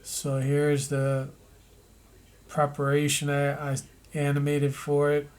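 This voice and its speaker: A man narrating an animation tutorial, thinking aloud as he works, with pauses and restarts. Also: on the high side, monotone, a little mellow, clean tone.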